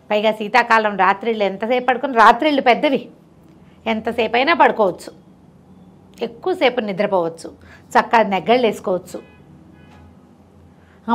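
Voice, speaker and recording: A woman voicing a gentle, meek old village grandmother who speaks softly and fondly in a storybook tale. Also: on the high side. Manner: soft, affectionate and praising.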